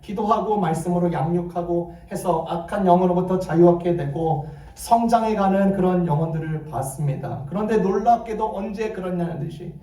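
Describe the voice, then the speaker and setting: A man with a high, mellow voice delivers a sermon and stresses his key phrases. The pulpit mic sits some distance away. The church hall around him rings with echo. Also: moderate pace, hardly any pauses. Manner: emphatic preaching, repeating key phrases. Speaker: pastor. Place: church sanctuary.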